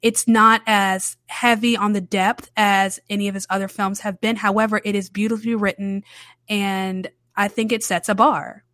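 A woman's voice: medium pitch, little pitch movement, moderate pace, fairly bright tone, no echo, clean studio sound. A woman hosting her own podcast, casually reviewing films in a candid, chatty way and often repeating herself for emphasis. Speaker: podcast host. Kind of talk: casual solo film review. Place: New Orleans.

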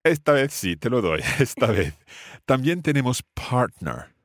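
A man's voice: medium pitch, big pitch swings, unhurried, dry recording, clean studio sound. A man teaching family words in English, explaining patiently and repeating each word for his student. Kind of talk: language lesson dialogue.

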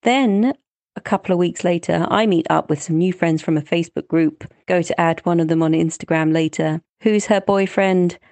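Low-voiced woman telling a story, close and dry. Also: fairly even intonation, a little fast, a little mellow, no room sound. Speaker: listener leaving a voice message. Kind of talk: casual storytelling.

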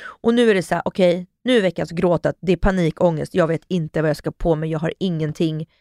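A woman with a Swedish accent co-hosting a podcast in casual chat, telling stories in a lively way and acting out the voices of people she quotes. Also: on the low side, no room sound, clean studio sound. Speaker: podcast co-host.

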